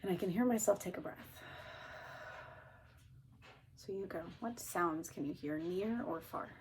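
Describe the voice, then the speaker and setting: A woman therapist calmly and gently guiding listeners through a grounding exercise. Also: lowish voice, moderate pace, a little hiss or hum. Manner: calm, gently instructing. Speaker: therapist teaching a technique. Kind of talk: calm guided grounding exercise.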